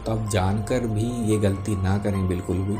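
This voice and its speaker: Male spiritual explainer, calm and gentle, level low-key melody, clearly audible music bed behind him. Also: moderate pace. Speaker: spiritual teacher. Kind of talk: spoken religious explainer to viewers.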